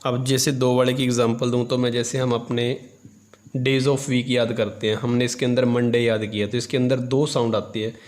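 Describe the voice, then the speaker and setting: Guy teaching english grammar in hindi, mid pitch, asks himself questions then answers, drags out english words when dictating. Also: level tone, darkish tone. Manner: explains step by step, asks and answers his own questions; stretches English terms slowly while dictating. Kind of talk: classroom lesson explained in Hindi.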